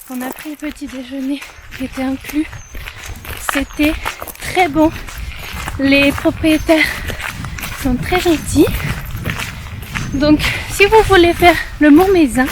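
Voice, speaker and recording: A woman with a high voice talks casually to her vlog audience while outdoors. Her phrasing is informal, with words repeated for emphasis. Clear wind and outdoor noise run behind her. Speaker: travel vlogger. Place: outdoors on a mountain hike. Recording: windy outdoor recording, loud background noise.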